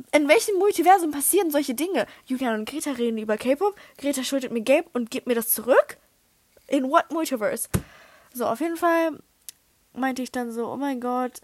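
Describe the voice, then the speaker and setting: Excitable young woman, dry close sound. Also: a little high, no echo. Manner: excitable, dramatic outbursts, mixes in English slang. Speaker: podcast host. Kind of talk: casual chat.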